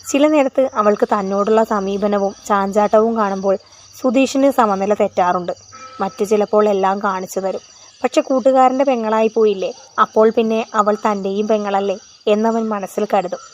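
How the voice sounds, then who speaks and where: Woman storyteller reading steady, slightly dull sound, faint insects behind. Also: mid-range voice, normal speed, a little hiss or hum. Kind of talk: narrating a story.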